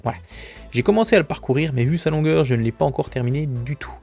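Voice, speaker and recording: A man hosts a casual podcast news roundup in a husky, mellow voice. He talks in a chatty way, full of fillers, and cracks self-mocking asides. Faint music plays underneath. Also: on the high side, lively intonation, fast. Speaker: podcast host.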